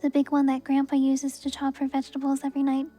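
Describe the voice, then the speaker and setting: Young woman, soft ASMR reader, high flat delivery, gentle and even. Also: quick pace, soft background music. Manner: soft, even reading voice with brief laughs at the text. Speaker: streamer reading a book aloud.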